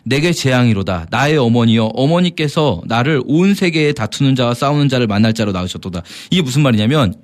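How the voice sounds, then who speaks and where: Animated man explaining scripture. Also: mid-range voice, brisk, hardly any pauses. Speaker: Bible teacher. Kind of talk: radio Bible explanation.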